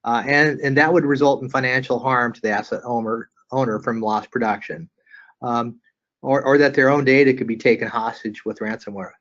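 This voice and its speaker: Halting male webinar moderator. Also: medium pitch, steady tone, a bit bright, lo-fi sound. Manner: halting, repeats words often.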